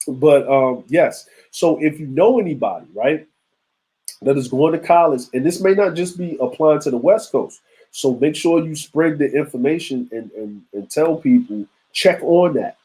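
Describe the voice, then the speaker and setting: A man's voice: on the high side, expressive, normal speed, dark tone, rough recording. A man around forty hosting a live stream, talking loosely and conversationally with slang and asides to his chat. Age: 40s. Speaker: show host. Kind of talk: casual live-stream commentary.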